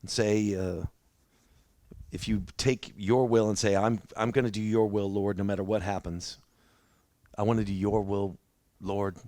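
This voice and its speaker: A man's voice: fairly low pitch, steady tone, unhurried, pauses often, a little mellow, dry recording, clean studio sound. A man preaching a sermon in a church, telling his own story in a conversational, self-deprecating way. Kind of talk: sermon with personal testimony.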